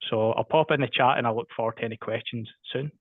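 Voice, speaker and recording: A man with a Scottish accent pitches his business in a brisk, matter-of-fact way. His voice comes through a narrow, phone-like video call line. The sound is dry, with no room around it. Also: dry recording. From Scotland. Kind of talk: short networking pitch.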